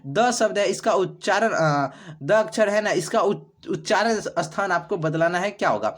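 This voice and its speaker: A high-pitched man works through exam questions one by one. He asks each answer back to the listener and repeats it, with frequent hesitations. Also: normal speed, fairly bright tone. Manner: repetitive question-and-answer drilling, many fillers. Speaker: exam prep teacher.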